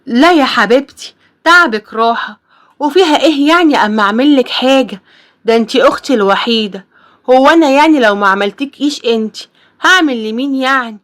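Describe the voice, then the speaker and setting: Woman voicing scheming sister, Egyptian accent, sugary, coaxing, a bit high. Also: brisk, fairly bright tone. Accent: Egyptian Arabic. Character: sweet-talking scheming young sister. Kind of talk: storybook voice acting.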